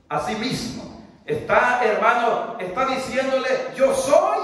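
A fervent middle-aged preacher with a very high voice delivers a sermon from a church pulpit. His words ring through a large reverberant sanctuary, picked up by a camera set well back from him. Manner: fervent, keeps calling listeners brother. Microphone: far camera in the pews. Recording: echoey hall from far off.

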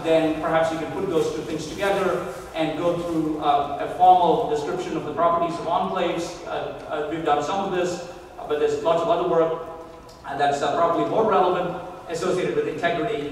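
A man giving a conference keynote lecture, measured and pausing often with "uh" while he thinks. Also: on the high side, slight background noise. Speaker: keynote speaker. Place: large lecture hall. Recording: echoey hall recorded from far off.

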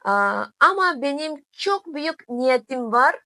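Slow, high-voiced woman, halting foreign-accented learner. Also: lively intonation, pushed and bright, dry recording, clean studio sound. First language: not Turkish. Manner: halting, simple learner's Turkish with small grammar slips. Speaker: vlogger. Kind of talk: casual video diary to camera.

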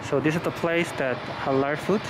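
A man vlogger speaking through a face mask, chatting casually in mixed Korean and halting English while asking around at restaurants. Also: fairly high pitch, steady tone, noisy background. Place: street and small restaurants. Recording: music playing behind.

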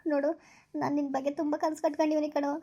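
A woman with a high, flat, very fast voice that is creaky yet mellow plays a heartbroken young woman in a village skit. She pleads tearfully with her lover, saying "please" again and again, and the lo-fi recording sounds dull.

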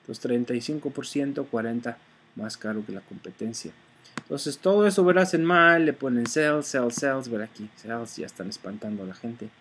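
A man's voice: mid-range voice, animated, normal speed, fairly bright tone, slight background noise. A man teaching car sales in a casual, conversational way, often checking in with his listener and correcting himself as he goes. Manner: conversational, often adds "¿verdad?"; frequent fillers and self-corrections. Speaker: online sales instructor.

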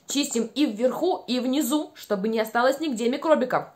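A young woman with a high voice leads small children through speech exercises. She is playful and encouraging, animated in delivery, and over-enunciates her words. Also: fairly quick. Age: young adult. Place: small room at home by a window.

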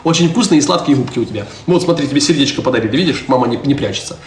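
Animated and rapid-fire, a mid-range-voiced priest in his twenties chats on a live stream in a church interior. Between teasing his little daughter, he responds to viewer comments; the recording has a roomy echo and a little background noise.

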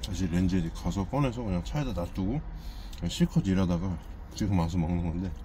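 A man's voice: deep voice, expressive, a little fast, warm tone, a little hiss or hum. A man talking while chewing, chatting plainly in a casual eating vlog from his parked truck. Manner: plain, matter-of-fact, frequent "네" fillers. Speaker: truck driver vlogger.

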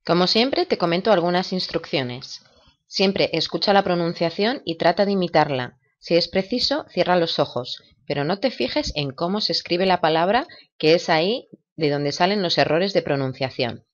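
Woman, low voice, patient language teacher, slow repetitions, dull lo-fi sound. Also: expressive. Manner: patient, repeats words slowly for imitation. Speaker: English teacher for parents. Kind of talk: video lesson, explaining and drilling words. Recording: dull lo-fi recording.

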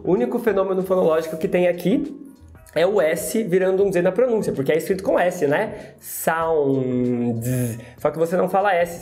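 An English teacher from Brazil explaining pronunciation in a video lesson. The voice sits at a middle pitch and often slows down to demonstrate single sounds over and over. Soft background music plays underneath. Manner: explanatory, demonstrating sounds slowly and repeating them.

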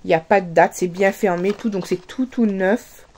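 A woman's voice: medium pitch, normal speed, a little mellow, a little hiss or hum. A woman with a Réunion French accent, chatting casually to camera as she unboxes parcels, full of fillers and restarts. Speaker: vlogger.

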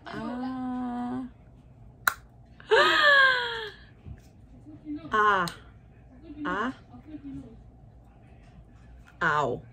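A woman vlogging with her fingers in her mouth, speaking in a pained, halting way with gasps and nervous laughs. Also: on the high side, huge pitch swings, a crowd in the background. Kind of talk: casual vlog.

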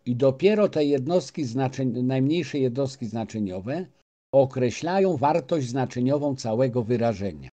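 A man's voice: mid-range voice, lively intonation, normal speed, warm tone. A man, speaking as a guest and lecturing an audience, with frequent restarts and filler sounds. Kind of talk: lecture-style talk to an audience.

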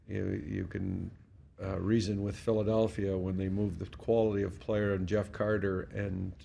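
A deep, dark voice with vocal fry comes from a middle-aged Canadian hockey head coach taking reporters' questions at a post-game press conference. There's slight background noise, and he speaks into a desk mic on a stand before a sponsor backdrop. He's blunt and matter-of-fact, with frequent word restarts.

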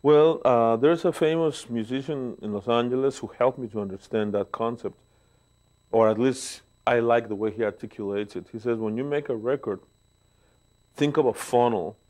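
A Mexican man in his sixties with a Mexican Spanish accent and a mid-range voice is a guest bass player in a relaxed interview, seated on a living room sofa and speaking into a lapel mic. He tells stories warmly, pausing with fillers.

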